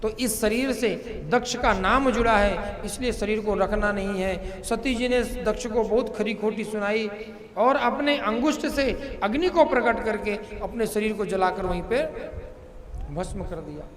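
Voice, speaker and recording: A man's voice: high-pitched, measured pace. A man preaching a devotional story, narrating expressively and chanting Sanskrit verses. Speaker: katha preacher. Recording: long hall reverb with music.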